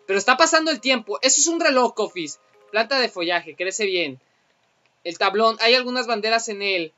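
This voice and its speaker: A man commentating a video game, thinking aloud and bursting into excited outcries. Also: sits high, moderate pace, lo-fi sound, soft background music. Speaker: gameplay commentator. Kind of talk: let's play commentary.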